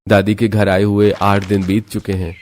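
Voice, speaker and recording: A man narrating a scripted family story in a steady storytelling manner. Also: lowish voice, normal speed.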